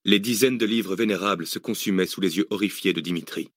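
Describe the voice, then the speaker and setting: A man reads a thriller audiobook in a low, husky voice with measured, dramatic pacing. The recording is close and dry, with no room sound. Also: a bit bright, no room sound. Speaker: audiobook narrator. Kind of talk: dramatic scripted narration.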